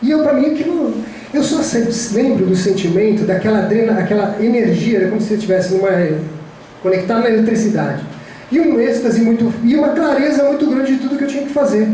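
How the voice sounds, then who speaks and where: In a lecture hall, a male lecturer gives a reflective spiritist talk, telling a personal story with many restarts. His very high-pitched voice is mellow and fast, with a little hiss or hum. The very echoey hall is recorded from far off.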